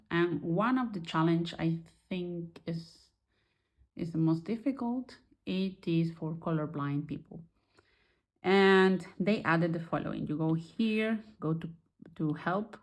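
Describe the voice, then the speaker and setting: A woman who isn't a native English speaker chats casually through a screen-recorded tutorial on digital art software, often restarting as she searches for words. Her pitch is fairly low.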